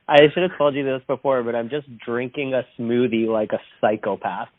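A man's voice: medium pitch, moderate pace, dry recording. A man, a guest musician, chatting casually over the phone in a rambling way, full of fillers. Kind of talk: casual chat. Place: indoors. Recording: tinny phone line.

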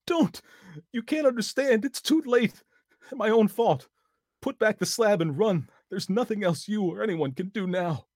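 A man voicing a terrified, frantic friend calling up from a crypt, with high panicked shouting. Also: unhurried, dry recording, studio quality. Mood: frantic screaming.

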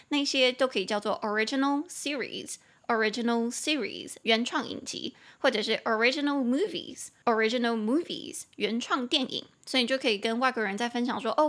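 A woman with a Taiwanese Mandarin accent teaching English on a podcast in a casual, chatty way, spelling words out slowly and drifting into asides. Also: a little high, a bit bright. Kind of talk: casual spoken English lesson.

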